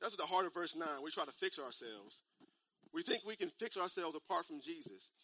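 A man in his thirties preaching a sermon in a conversational style, repeating phrases and using casual slang, building up to shouts. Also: on the high side, expressive, fairly quick, no echo. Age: 30s. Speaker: pastor.

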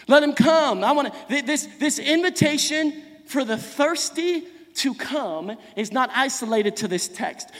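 A very high-voiced man preaches a sermon, his tone rising and falling in lively swings between loud calls and hushed asides. He repeats words and quizzes the congregation as he goes. A long church reverb trails after his voice. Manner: repeats words and asks the crowd questions. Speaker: pastor. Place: church hall.

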